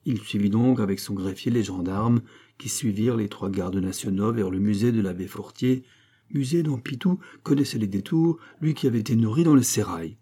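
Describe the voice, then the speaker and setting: A man narrating a classic novel as an audiobook reader, in a measured, expressive storytelling manner. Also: lowish voice, husky.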